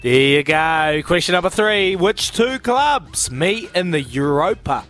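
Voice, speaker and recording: A man hosting a radio phone-in quiz with excitable, matey, slangy banter. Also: on the high side, a little slow. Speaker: breakfast radio quiz host. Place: radio studio.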